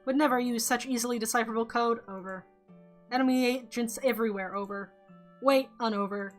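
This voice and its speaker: A woman's voice: a little high, a little fast, soft background music. Woman doing a robotic-voiced paranoid boy. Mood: clipped robotic. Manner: terse, clipped, ends each turn with "over". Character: paranoid teenage boy in clipped military radio talk. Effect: put-on robotic voice. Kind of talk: reading a story game aloud.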